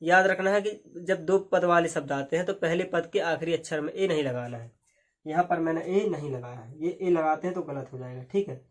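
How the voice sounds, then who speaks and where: A man teaching a lesson, patiently repeating words and spelling out letters slowly. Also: on the high side. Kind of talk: explaining a lesson.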